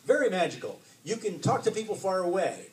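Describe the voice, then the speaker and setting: A man voicing a quick-witted brave girl. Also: high voice, very animated, pitched above the performer's own voice. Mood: coaxing. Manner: pleading, bargaining. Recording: roomy, distant mic, faint hiss.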